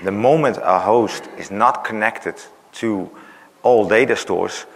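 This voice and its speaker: A man whose voice is on the low side speaks slowly, with vocal fry, while presenting a technical talk at a conference. He's losing his voice and scatters "uh"s and "right?" tags through his explanation, recorded in a reverberant large conference hall.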